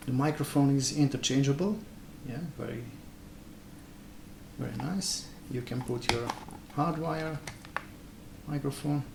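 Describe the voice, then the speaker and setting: A man from Transylvania, Romania, who is not a native English speaker, gives casual unboxing commentary as a product reviewer in slow, gravelly English of medium pitch and fairly even intonation. He is hesitant and halting, searching for words. The echoey, noisy room carries clicks and the crinkle of packaging.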